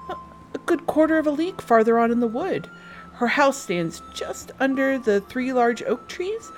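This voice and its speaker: A woman voicing an innocent, cheerful little girl with a high, eager voice. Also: lively intonation, normal speed, faint music behind.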